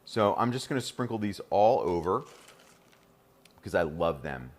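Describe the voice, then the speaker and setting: A man's voice: low-pitched, sing-song, a little slow. A middle-aged man with a New Jersey accent, hosting a live cooking demonstration in an upbeat, chatty way and talking straight to viewers. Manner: upbeat, chatty, addresses viewers as "you guys". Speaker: cooking show host.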